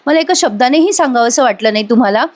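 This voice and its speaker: A woman's voice: a little high, lively intonation, fast talker, close to an everyday voice. A woman reading out the lines of a young wife who pleads with her husband through tears. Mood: pleading. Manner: pleading, tearful, urgent.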